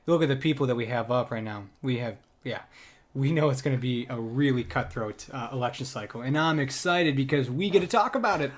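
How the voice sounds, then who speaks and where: A young man co-hosting a podcast, chatting about politics in an excitable way and laughing often. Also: medium pitch, a little fast. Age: young adult. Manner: excitable, laughs often, leans on 'go ahead and'. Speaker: podcast co-host. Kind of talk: casual political chat.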